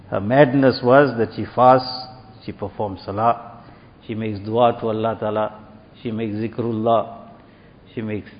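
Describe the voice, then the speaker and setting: A man's voice: lowish voice, slight background noise. A man preaching a sermon, retelling a story and acting out its dialogue with rising emphasis. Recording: dull lo-fi recording with long hall reverb.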